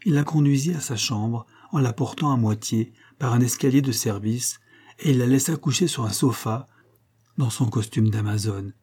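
A male audiobook narrator reading a classic novel with measured, steady delivery. His voice is husky and dark, mellow rather than bright. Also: medium pitch. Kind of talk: scripted literary narration.

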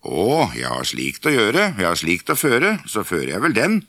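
A man's voice: lowish voice, huge pitch swings, pushed and bright, dry recording, studio quality, exaggerated voice. A man voicing a cheerful, boastful youngest peasant brother in a fairytale reading, with a gleeful singsong.

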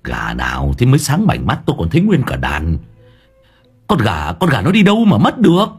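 A man's voice: medium pitch, huge pitch swings, fairly quick, slightly rough, pitched below the performer's own voice, exaggerated voice. A man voicing a flustered older husband who works as a village official, reading an audio story. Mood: puzzled. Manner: flustered, grumbling.

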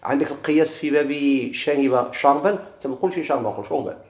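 Fast and a little high, a man with a Moroccan Arabic accent runs through a grammar lesson, asking questions he then answers and repeating key words. The recording has room echo and faint noise.

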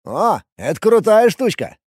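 A man puts on a loud, high-pitched street gang boss, barking orders in crude slang with a swinging, lively delivery. The sound is dry and close, like a storybook read right into the mic. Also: unhurried, breathy edge, no room sound, heavily acted. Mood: bossy. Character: rough young male street thug, bossy gang leader.

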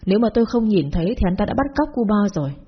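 A husky-voiced woman voicing a protective young male neighbor who speaks firmly and asks pointed questions in a storybook tale. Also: high-pitched, animated, racing, muffled recording. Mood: scolding. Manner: firm, questioning.

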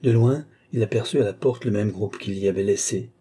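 Husky low-voiced male audiobook narrator. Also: brisk, mellow. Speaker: audiobook reader. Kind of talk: dramatic novel reading.

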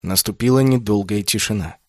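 A male audiobook narrator reading a fantasy novel in a measured, steady manner. His voice is low and the recording dry and close. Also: no echo. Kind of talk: scripted literary narration.

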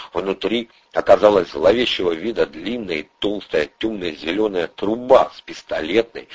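Husky man reading an audiobook. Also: deep voice. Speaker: audiobook reader. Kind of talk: audiobook narration. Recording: dull lo-fi audio.

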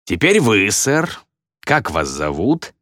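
A man voicing a smug stage magician with a slow, drawn-out, mocking showman delivery in a storybook reading. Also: on the low side, big pitch swings, fairly bright tone, no room sound, clean studio sound, exaggerated voice.

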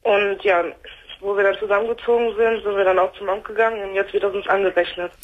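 A woman's voice: mid-range voice, flat delivery. Hesitant woman caller over the phone. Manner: hesitant, halting speech with restarts. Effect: heard over the phone. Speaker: caller to a radio talk show. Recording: tinny phone line.

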